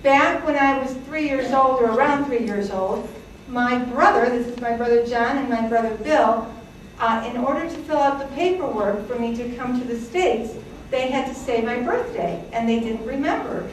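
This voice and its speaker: Speaking at a normal speed in a slightly high voice, a woman from Greece in her sixties tells an audience about her family's immigration. She presents in a chatty way, with fillers and small laughs. There is a little hiss or hum, and the mic is distant in an echoing hall.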